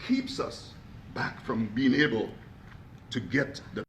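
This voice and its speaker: Speaking slowly in a mid-range voice that's gravelly and rough with a creaky edge, a man delivers an energetic motivational talk to a live audience. He's a motivational speaker who asks the crowd questions as he goes, and the echoey room has a faint underlying hiss.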